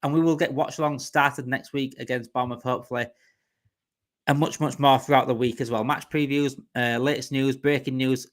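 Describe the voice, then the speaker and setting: With fairly even intonation and a brisk pace, a medium-pitched Yorkshire-accented man hosts a casual fan livestream. He rambles, says things more than once, and reads viewer comments aloud.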